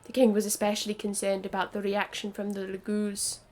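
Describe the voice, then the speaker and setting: A woman's voice: mid-range voice, completely flat delivery, a little fast, a little mellow. A woman streaming a game, reading its story dialogue aloud earnestly, with joking asides.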